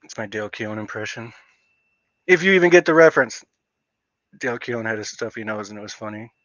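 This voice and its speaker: Male streamer, chatty and rambling, gets excitable; dry, muffled home-stream sound. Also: fairly low pitch, fairly quick, no echo. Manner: rambling, excitable, heavy use of "like". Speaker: livestream host. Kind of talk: casual livestream chat. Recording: dull lo-fi dry stream audio.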